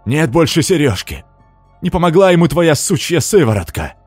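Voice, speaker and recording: A man's voice: medium pitch, wildly swooping pitch, unhurried, a little mellow, husky, no echo, faint music behind, voice pushed up, full character voice. A man voicing a stern middle-aged army officer in an audiobook, barking commands. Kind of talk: audiobook character voice.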